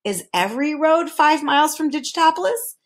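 An earnest young boy who keeps asking polite questions, read by a woman. He has a fairly high, gentle voice, as in a storybook. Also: expressive, a little fast. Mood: curious. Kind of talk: storybook reading.

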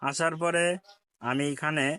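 A man with a Bangladeshi Bengali accent talks viewers through an editing app one step at a time. He keeps circling back to repeat each instruction. His voice is smooth and clear, recorded close and dry with no room sound. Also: a little high, fairly even intonation, unhurried, sharp tone, no echo. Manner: repetitive step-by-step instruction, addresses viewers politely. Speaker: tech tutorial host. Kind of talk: screen-recorded app tutorial.

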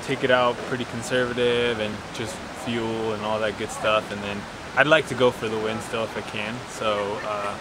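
A young man, a trail runner, answering interview questions outdoors in a relaxed, soft-spoken way. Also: fairly low pitch, normal speed, noisy background. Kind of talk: post-race interview. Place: outdoors in a forest by a race course.

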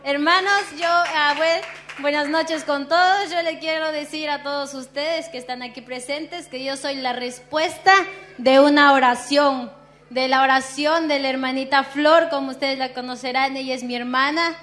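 A woman from Peru gives an emotional church testimony, halting and full of fillers. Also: sits high, steady tone, fairly bright tone. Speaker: church member giving testimony.

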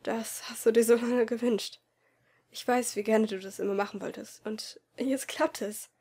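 A timid teenage boy, hurt and withdrawn, murmurs his words, as a woman reads him in a storybook audiobook. He speaks hushed and hesitant and often drops to a near whisper. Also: a little high, steady tone, normal speed, breathy edge. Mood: warm. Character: anxious shy teenage boy, quiet and hurt. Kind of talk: amateur audiobook reading.

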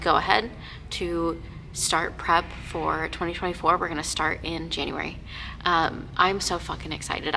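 A young woman trainer talking casually to a vlog audience and explaining exercises in a gym. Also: on the low side. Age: young adult. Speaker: fitness trainer and vlogger. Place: indoors in a gym. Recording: noisy gym with loud background noise.

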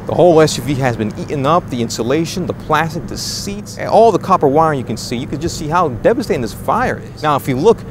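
At night on a city street, a young man in his twenties working as an independent reporter gives an earnest, dramatic on-scene report, phrasing things loosely and restarting often. His voice is on the high side and sing-song, and he talks fast with hardly any pauses. Street and traffic noise fill the outdoor recording.

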